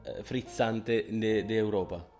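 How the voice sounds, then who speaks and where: A man's voice: lowish voice, steady tone, slow, a little mellow, faint music behind. A man with a stuffy, blocked nose, chatting casually as a podcast co-host. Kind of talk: casual chat.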